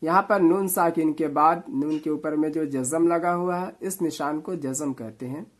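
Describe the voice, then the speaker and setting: A man teaching Quran reading, spelling out letters and vowel marks syllable by syllable, with quick explanations. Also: a little high. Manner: slow drawn-out syllable-by-syllable recitation between quick explanations. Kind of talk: spelling-out recitation lesson.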